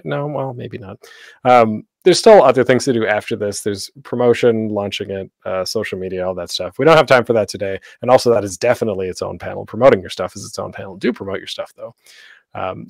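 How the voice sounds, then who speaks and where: Recorded close and dry at home for an online panel, this male host teaches audio drama production in a loose, wandering style full of self-interruptions. His voice sits on the low side and sounds creaky, with no echo.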